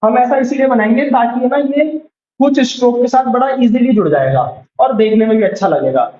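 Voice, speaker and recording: A young man teaching a beginners' shorthand class, patiently repeating each word slowly and checking whether anyone has doubts. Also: very high voice, mellow. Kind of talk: classroom lesson. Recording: roomy, dull lo-fi sound.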